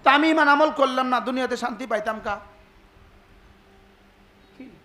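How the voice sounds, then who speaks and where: A man's voice: very high-pitched, normal speed, sharp tone. A man preaching a sermon, asking the crowd rhetorical questions and acting out dialogues. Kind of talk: Islamic sermon (waz).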